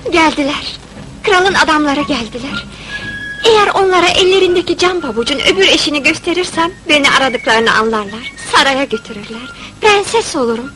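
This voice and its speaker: Sweet young maiden, woman, high voice, earnest, emotional, old fairy-tale film, music behind. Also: animated, fairly quick, poor audio. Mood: excited.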